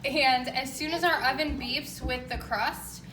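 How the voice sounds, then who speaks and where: High-voiced woman chatting through a bake, echoey. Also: steady tone, unhurried. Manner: chatty, informal, upbeat. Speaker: home baking show host. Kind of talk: casual baking demonstration. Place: indoor home kitchen. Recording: echoey room, distant mic, clear noise.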